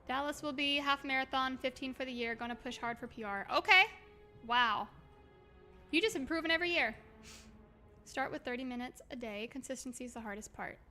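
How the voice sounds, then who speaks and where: A woman hosting a game livestream chats casually with a high-pitched voice at a slightly fast pace, reading messages aloud. She's expressive and affectionate, exclaiming often and gushing, and says her voice is slightly hoarse. Music plays in the background.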